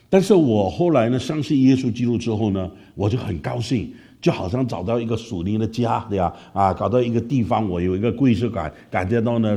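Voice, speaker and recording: Man, Malaysian Mandarin accent, storytelling sermon, animated, low pitch, mellow tone. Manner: animated, keeps asking "right?" to listeners.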